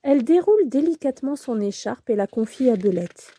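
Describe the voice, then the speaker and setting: A woman narrating a children's storybook in a slow, gentle, expressive way. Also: fairly high pitch, husky.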